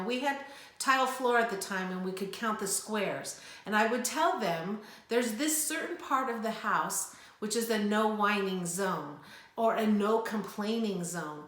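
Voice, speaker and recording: A woman's voice: medium pitch, a bit bright. An older woman who owns a preschool, giving earnest, reassuring parenting advice and sometimes acting out a child's whine. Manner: earnest, reassuring, acts out whiny child voices. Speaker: preschool owner. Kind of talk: parenting advice talk to camera. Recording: echoey room.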